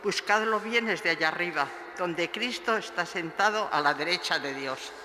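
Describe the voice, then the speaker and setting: Lector, male, high and bright, slow and solemn; long cathedral echo, faint hiss. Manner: measured, declaiming each phrase. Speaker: lector reading scripture and psalm. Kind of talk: slow solemn liturgical reading. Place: large church. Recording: echoey church with long reverb, faint hiss.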